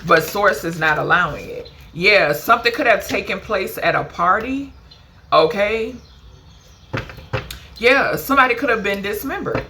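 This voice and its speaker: A woman's voice: medium pitch, animated, unhurried, bright, forceful tone. A woman giving a casual channeled card reading to her viewers, chatty and emphatic, ending nearly every phrase with a questioning "okay?". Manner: emphatic, swears casually, calls viewers "baby" and "honey". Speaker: spiritual card reader.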